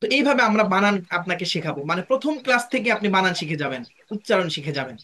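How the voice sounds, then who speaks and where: A man with a Bangladeshi Bengali accent, a Quran teacher explaining a course in a demo class, slowly spelling out sounds. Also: high-pitched, lively intonation, bright, forceful tone, a little hiss or hum. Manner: patient, slow spelling-out of sounds.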